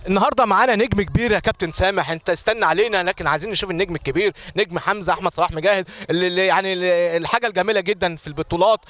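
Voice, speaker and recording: A man's voice: high-pitched, rapid-fire, few pauses, a bit bright. An Egyptian man hosting a sports academy ceremony, interviewing guests with effusive, repetitive praise and frequent restarts. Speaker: event host, interviewer. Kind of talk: live event interview.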